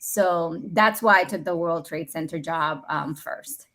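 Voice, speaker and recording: Podcast guest, woman in her forties, from the Dominican Republic, lowish voice, earnest and upbeat. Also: measured pace, fairly bright tone. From Dominican Republic, raised in New York City. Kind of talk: conversational interview.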